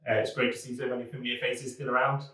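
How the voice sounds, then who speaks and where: A man, a business development manager, speaking in a relaxed, conversational way in a corporate talking-head video. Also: medium pitch, racing. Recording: very echoey room, mic far off.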